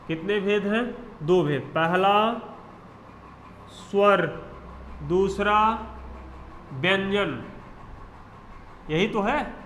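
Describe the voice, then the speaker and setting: A man's voice: high voice, roomy sound, slight background noise. A male teacher giving an exam-prep lecture, asking questions and answering them himself, spelling out definitions word by word. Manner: drills terms with questions and answers to students.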